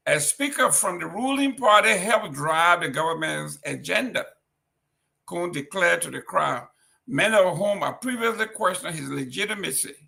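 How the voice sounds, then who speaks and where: A talk show commentator with a Liberian accent reads political news, then responds with indignant, emphatic rhetorical questions. His high-pitched voice is gravelly, pushed and bright.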